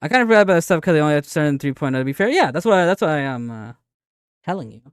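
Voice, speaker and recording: A man streaming casual live commentary, arguing his points in an insistent, halting way with frequent repetition. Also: on the high side, very animated, smooth, no room sound, studio quality. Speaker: streamer reacting to a video and answering chat. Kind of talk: casual live commentary, debating game updates.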